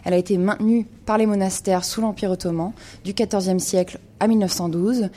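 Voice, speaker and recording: A woman's voice: medium pitch, steady tone, a little fast, mellow. A woman giving a radio wine segment, explaining in an informative way with frequent hesitations. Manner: informative, many hesitations with euh. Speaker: wine columnist.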